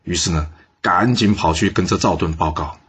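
A man's voice: low-pitched, moderate pace, a bit bright, slightly rough. A man telling a history story in a chatty way, often putting questions to the listener.

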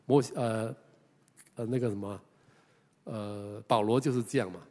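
Older Taiwanese pastor preaching in a reverberant hall. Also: male voice, lowish voice, steady tone, normal speed. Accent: Taiwanese Mandarin. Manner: warm conversational telling, trailing 啊 particles, hesitant fillers. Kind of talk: storytelling sermon.

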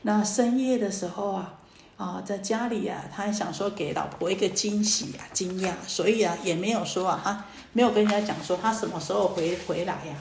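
A woman Buddhist dharma teacher giving a sermon, telling a story in a lively way with many fillers. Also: medium pitch, brisk, creaky, a little hiss or hum. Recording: roomy echo, faint ambience.

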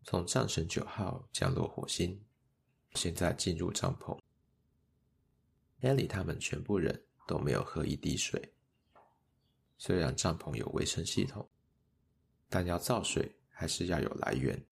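Deep gravelly male storyteller. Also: a little slow, long pauses, slight background noise. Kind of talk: children's story narration.

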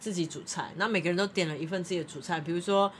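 A young woman rattles off stories at a quick clip, her voice sitting fairly low for a woman. She laughs often as she tells animated anecdotes in a casual chat. A faint hiss of background noise sits under the voice. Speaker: podcast co-host.

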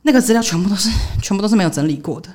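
A woman's voice: mid-range voice, very fast. A young woman, venting in casual podcast chat and acting out the people she quotes. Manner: animated storytelling, acting out quoted dialogue. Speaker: podcast co-host.

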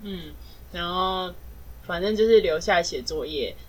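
A woman's voice: on the low side, measured pace. A young woman co-hosting a podcast in casual chat, reacting to stories with questions, teasing and laughter. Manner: reactive listener, laughs and teases. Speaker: podcast co-host.

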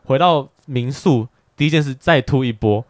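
A man speaking, co-hosting a podcast and telling a story in a casual, animated way, with stammering restarts and frequent laughter. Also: mid-range voice, moderate pace, dry recording, studio quality. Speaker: podcast co-host.

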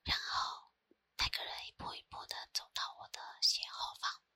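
A woman with a Taiwanese Mandarin accent tells personal stories in a soft, breathy ASMR whisper close to the microphone, unhurried and with pauses. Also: dry recording. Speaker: ASMR creator. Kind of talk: whispered ASMR storytelling, chatty.

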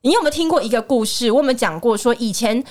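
A young woman hosting a chatty podcast, telling a story with animated voices and laughter. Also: fairly high pitch, racing. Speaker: podcast host. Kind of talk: casual chat, storytelling.

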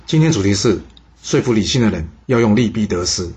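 A man narrating a story for a podcast in a lively way, with rhetorical questions and drawn-out particles. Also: fairly low pitch, dull audio, soft background music.

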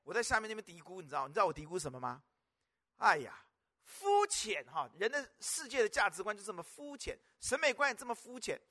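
Male pastor for a sermon: high, bright voice with wide pitch swings, emphatic, repeats phrases and keeps asking the congregation questions. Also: big pitch swings, quick pace.

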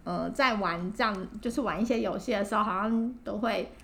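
A woman with a Taiwanese Mandarin accent co-hosting a podcast in casual chat, eager and quick to chime in with agreement. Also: mid-range voice, creaky, a bit bright. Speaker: podcast co-host.

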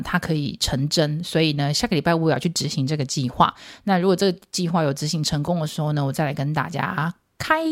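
A woman in her thirties with a deep voice and a Taiwanese Mandarin accent hosts a podcast, delivering a casual storytelling monologue in clean, dry studio sound. She is playful and teasing and laughs at her own jokes.

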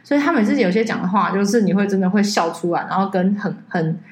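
A woman, co-hosting a casual chat podcast and telling stories animatedly, acting out the people she quotes. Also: quick pace. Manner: animated storyteller, acts out quoted voices with big pitch jumps. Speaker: podcast co-host. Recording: echoey room.

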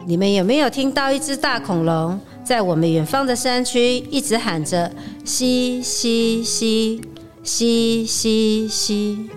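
A woman's voice: on the high side, slow, big-room sound, faint music behind. A woman playing a fussing, scolding middle-aged mother. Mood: nagging.

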